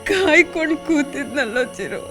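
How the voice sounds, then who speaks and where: A woman's voice: high-pitched, expressive, normal speed, music in the background. An actress playing a grieving mother who tearfully begs her lost son for forgiveness, with a Kannada accent. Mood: weeping. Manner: tearful, pleading, soothing. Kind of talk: TV serial drama acting.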